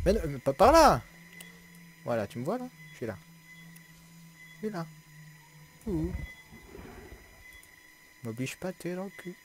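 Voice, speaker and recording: A man's voice: fairly high pitch, sing-song, normal speed, pauses often, a little hiss or hum. Teasing, laughing French gaming man. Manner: teasing, talks to the dinosaur, swears and laughs a lot. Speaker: gaming YouTuber. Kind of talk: casual gameplay commentary.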